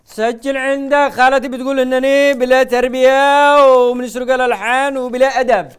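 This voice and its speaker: Sarcastic Yemeni man, high and quick. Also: fairly even intonation, smooth. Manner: mocking, sarcastic, swings between loud and hushed. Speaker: satirical show host. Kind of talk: satirical comedy monologue.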